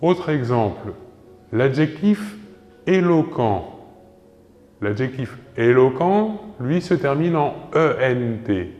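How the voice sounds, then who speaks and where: Guy teaching french grammar real slow, spells stuff out, echoey hall sound. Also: medium pitch, lively intonation, a little mellow, soft background music. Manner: slow, spells words letter by letter, checks in with ok. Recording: echoey room with long reverb.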